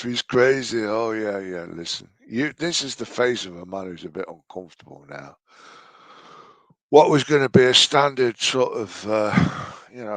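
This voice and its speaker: English man, late 40s, low dry-sounding voice, sarcastic sweary commentator mocking a video. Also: fairly bright tone, no room sound. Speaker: commentator reacting to a vlog.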